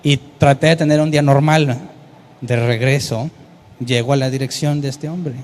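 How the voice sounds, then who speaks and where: A man, preaching a sermon and telling a story with lively, acted-out voices. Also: medium pitch, normal speed. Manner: animated storytelling, acting out quoted voices. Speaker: pastor.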